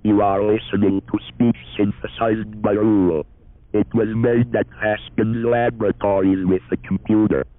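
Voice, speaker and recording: Low synthetic male robot voice. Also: normal speed. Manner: flat, mechanical machine reading. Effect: synthetic robot voice made by rule. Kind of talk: demonstration sentences and phone message. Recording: dry, tinny lo-fi archival audio.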